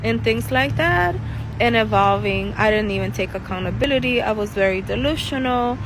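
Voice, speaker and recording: A woman's voice: fairly high pitch, expressive, moderate pace. Earnest chatty woman, outdoor street noise. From El Salvador. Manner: chatty and earnest, with frequent laughs and restarts. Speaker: tarot reader and life coach. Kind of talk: casual talking-to-camera vlog. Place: outdoors in a city park. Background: passing cars and city noise.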